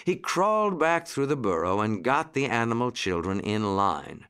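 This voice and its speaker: Expressive male storyteller reading a children's tale. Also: mid-range voice, clear, resonant tone. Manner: expressive, dramatic pauses.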